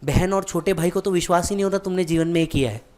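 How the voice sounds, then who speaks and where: A man's voice: high-pitched, fast talker, darkish tone. A man who teaches exam students, telling a vivid motivational story and speaking directly to the listener.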